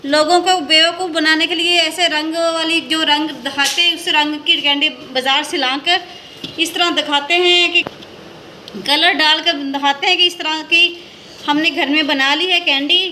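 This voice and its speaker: A woman's voice: sits high, fairly even intonation, moderate pace, pushed and bright, slight background noise. A woman, chatting casually as she demonstrates a recipe in her home kitchen, walking through each step and pointing things out as she goes. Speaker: home cooking vlogger.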